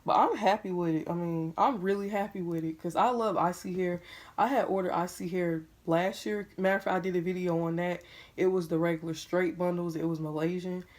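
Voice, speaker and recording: Chewing gum as she talks, a young beauty vlogger chats casually with her viewers, calling them "y'all," while unboxing a wig at home. Her voice is fairly low and a little mellow, with a steady tone and a fairly quick pace.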